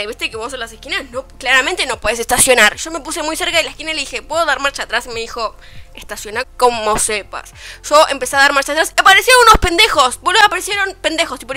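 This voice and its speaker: A young woman with a Rioplatense accent, telling a story in a casual vlog, animated and swearing freely, quoting people as she goes. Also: high voice. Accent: Rioplatense Spanish. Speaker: vlogger. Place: at home, her bedroom.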